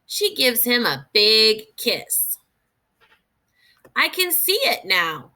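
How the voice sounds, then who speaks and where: A woman with a fairly high voice reads aloud expressively and instructively, the way a teacher would for young children. She pauses to think through questions as she goes.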